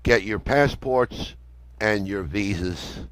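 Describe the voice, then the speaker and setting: Telling a detailed story in a matter-of-fact, conversational style, an older man from the United States speaks as an interview guest and amateur radio operator. He talks slowly, with a low-leaning voice and fairly bright tone.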